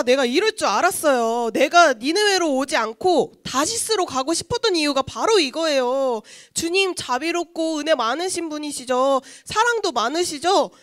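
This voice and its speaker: A woman's voice: high voice, no room sound, studio quality. A woman voicing an angry adult male prophet who whines and begs in a children's Bible story. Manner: whining, complaining, pleading.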